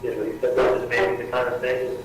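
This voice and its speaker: A man talking from jail on a prison phone call, rambling and halting with lots of fillers. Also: mid-range voice, flat delivery. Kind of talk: casual phone conversation. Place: jail cell. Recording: distant echoey jail phone line with faint noise.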